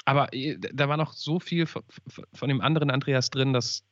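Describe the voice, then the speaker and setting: A man hosting a podcast, asking gentle, probing questions, often restarting his sentences. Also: medium pitch, moderate pace, no room sound, highs cut off. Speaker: podcast host. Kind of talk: interview questioning.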